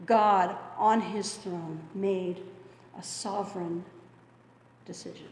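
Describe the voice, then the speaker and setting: A woman pastor preaching a sermon in a church sanctuary, measured and earnest, leaning on dramatic pauses. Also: on the low side, steady tone, darkish tone, a little hiss or hum. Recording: echoey hall with long reverb.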